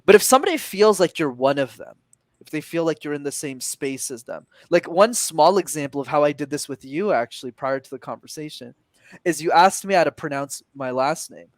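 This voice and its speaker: A young man, a communication coach, guesting on a podcast and explaining points in an animated, demonstrative way. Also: fairly high pitch, a little fast, dry recording. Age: young adult. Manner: animated, demonstrative, shifts energy to make points. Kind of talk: conversational interview.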